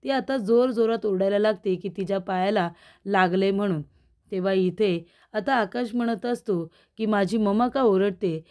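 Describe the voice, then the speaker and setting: Give me a woman telling viewers what happened in a TV serial, mellow voice. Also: mid-range voice, moderate pace. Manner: addresses viewers directly, retells scenes. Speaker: TV serial recap narrator. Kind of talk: storytelling episode recap.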